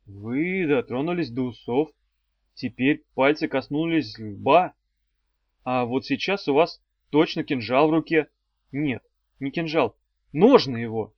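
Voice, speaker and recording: A man's voice: mid-range voice, measured pace, dry recording, close to an everyday voice. A man reading a sulky twelve-year-old boy. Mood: hesitant. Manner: glum, cheeky, unsure guesses. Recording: dry, slightly dull audio.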